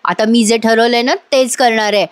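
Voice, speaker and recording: A woman's voice: fairly high pitch, fairly even intonation, normal speed, no room sound, lightly acted. Woman reading as a furious bitter young woman. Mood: angry. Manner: sharp, scolding speech.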